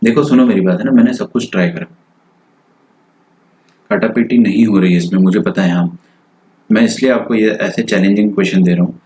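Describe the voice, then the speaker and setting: A maths teacher with an Indian accent and a somewhat low voice works through a problem out loud during a live online lecture. He mixes English phrases into his explanations and keeps checking in with his students through short tag questions, close to his mic. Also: fairly quick, long pauses, low-quality recording. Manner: thinks aloud while solving, mixes in English phrases.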